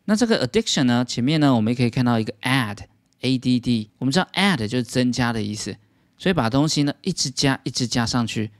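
A man's voice: mid-range voice, no echo, studio quality. A man teaching English vocabulary as a patient lesson, explaining words step by step.

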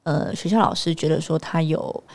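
A woman tells a story to camera in a relaxed vlog monologue. Her voice sits on the low side and carries a gravelly, creaky edge. She talks in a chatty, meandering way, pausing on fillers and restarting her sentences. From Taiwan. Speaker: vlogger and mother.

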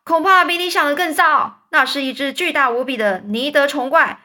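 A woman voicing a loud, alarmed middle-aged police chief in a children's story reading. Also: high voice, lively intonation, a little fast, voice pushed up. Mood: alarmed shouting. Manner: shouting, alarmed.

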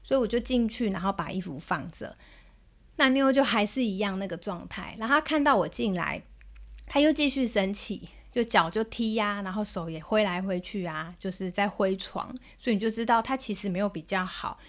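A woman in her thirties with a Taiwanese Mandarin accent, hosting a parenting podcast and telling a story about her child in a gentle manner. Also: mid-range voice, fairly quick. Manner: gentle, soothing when quoting herself to her child. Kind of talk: storytelling monologue.

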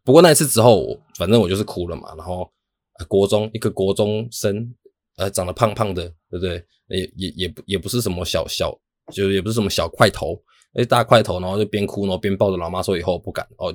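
A young man tells a story in a low voice, rushing through his words. He rambles and mocks himself, with restarts. The sound is dry and close. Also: no echo. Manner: rambling, self-mocking, talks fast with many restarts. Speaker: podcast host. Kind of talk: casual storytelling monologue.

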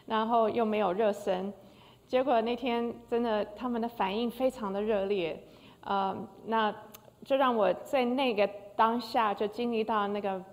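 An older woman recounts her life as a pianist in a heartfelt, halting testimony. Her voice carries a gravelly fry. The sound rings with the long reverb of a large hall. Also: mid-range voice. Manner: emotional storytelling with frequent hesitations. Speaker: concert pianist. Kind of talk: personal testimony.

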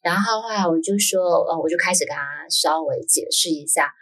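With a low voice, a female guest, a schoolteacher and author, tells a personal anecdote in a lively conversational way. Fillers fill her speech, along with quick "yes, yes" affirmations.

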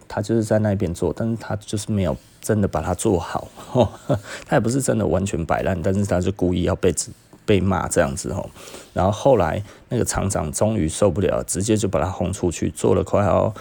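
A man with a Taiwanese Mandarin accent telling stories as a podcast host in casual chat, animated and chuckling, with frequent tag questions. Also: deep voice, vocal fry.

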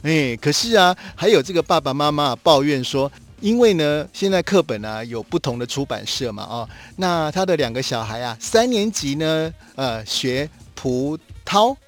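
A man teaching Zhuyin pronunciation on a podcast, patiently demonstrating sounds with drawn-out particles. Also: fairly high pitch, lively intonation.

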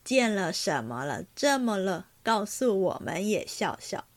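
A woman reading aloud, voicing a genial, indulgent elderly grandmother who heads a great household, dropping her voice lower. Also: big pitch swings, measured pace, dry recording. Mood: amused.

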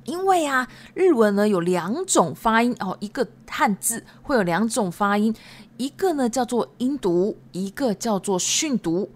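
A woman teaching Japanese vocabulary on a podcast, patiently repeating each word slowly and filling pauses with little prompts. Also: fairly high pitch, very animated. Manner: patient, repeats words slowly, many fillers.

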